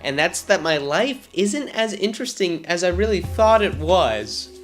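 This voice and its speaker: A man's voice: sits high, sing-song, measured pace, a bit bright, faint music behind. A man in his twenties, a vlogger, talking casually to camera in a self-deprecating, rambling way. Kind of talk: casual vlog talk to camera. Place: outdoors in summer heat, then indoors.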